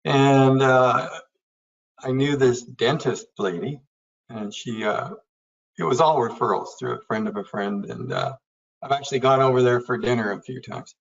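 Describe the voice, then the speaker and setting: A man with a Canadian accent and a gravelly, creaky voice talks in a loose, rambling way, full of fillers. He sits a little way back from the mic, and the call audio comes through muffled and dull. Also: mid-range voice, normal speed, far from the mic. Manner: rambling, relaxed, with fillers and laughs. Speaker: web designer sharing his experience. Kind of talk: casual storytelling on a webinar call.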